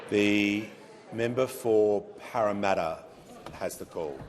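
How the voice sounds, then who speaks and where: Deep-voiced Australian parliamentary Speaker, a man. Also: slow pace. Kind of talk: formal procedural calls in parliament. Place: large parliamentary chamber. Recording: reverberant chamber hall sound.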